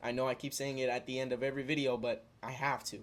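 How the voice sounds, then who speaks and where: This young man vlogs quickly in a flat, mid-range voice. He addresses his viewers directly with earnest spiritual musings, rambling and often restarting or filling gaps with filler words.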